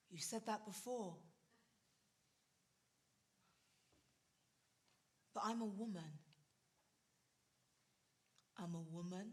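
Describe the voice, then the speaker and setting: A woman's voice: on the high side, pushed and bright, full character voice. An actress playing a witty young woman being wooed on stage, speaking in a wry, self-assured way. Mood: guarded. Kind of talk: staged theatre performance.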